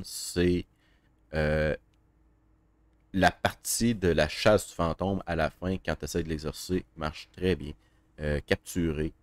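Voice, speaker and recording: A man's voice: sits low, dry recording. A man with a Québécois French accent, a horror game streamer giving a casual, thoughtful review with many hesitations. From Quebec. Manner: thoughtful, halting, many fillers.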